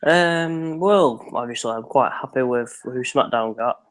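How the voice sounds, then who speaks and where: Man, mid-range voice, rambling and easygoing in a relaxed live-stream chat. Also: medium pitch, a little slow. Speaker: co-host of a live reaction stream. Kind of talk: casual chat.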